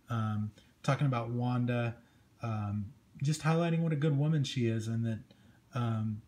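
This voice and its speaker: A man with a medium-pitched, slightly mellow voice hosts a casual comic book review show, chatting enthusiastically and conversationally as he moves through the pages. It's clearly a noisy amateur recording with room ambience.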